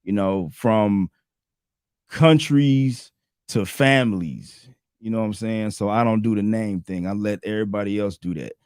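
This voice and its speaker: A man co-hosting a podcast, talking in a relaxed, conversational way and often adding "you know what I'm saying.". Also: lowish voice, a little slow, clear, resonant tone, no echo, clean studio sound. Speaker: podcast co-host. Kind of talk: casual debate talk.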